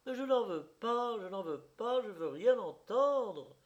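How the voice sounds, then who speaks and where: A flighty young beauty, as a male reader puts her on, pitched well above his own voice and lively in her swings. She is capricious and quick to take offence, huffing at every objection in this storybook scene. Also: gravelly, highs cut off. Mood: indignant. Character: young pretty woman, flighty and petulant. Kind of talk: audiobook character voice.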